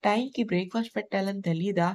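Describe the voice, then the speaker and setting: A woman's voice: medium pitch, fairly even intonation, quick pace, a little mellow, lightly acted. A woman voicing a brusque, hot-tempered young husband who talks in curt, commanding bursts. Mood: irritated.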